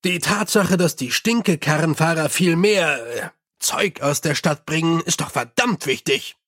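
A weary middle-aged police commander, read by a male narrator speaks bluntly and dryly. He grumbles about paperwork, and his voice stays fairly high and plain. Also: animated, a little slow, a bit bright.

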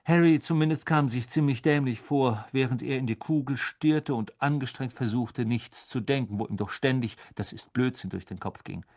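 Expressive male audiobook narrator. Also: mid-range voice. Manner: expressive, dramatic storytelling. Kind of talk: audiobook reading.

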